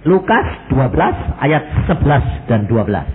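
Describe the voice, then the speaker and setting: A man with a Javanese accent preaching a sermon, animated, mixing in Javanese and acting out quoted prayers. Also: mid-range voice, unhurried, slight background noise. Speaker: pastor. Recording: tinny phone-like sermon recording.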